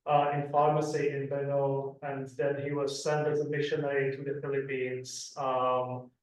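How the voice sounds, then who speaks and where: A man's voice: medium pitch, completely flat delivery, measured pace. A man from the Republic, answering audience questions on a conference panel and often repeating words as he starts. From Czech Republic. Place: conference room. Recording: echoey room, far from the mic.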